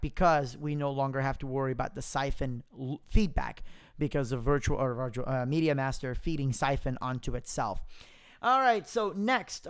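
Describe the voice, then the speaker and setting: A man presenting a software demo in a casual live tutorial, informally thinking aloud into a close mic with popping plosives. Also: on the high side, smooth. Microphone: close mic without pop filter, popping plosives.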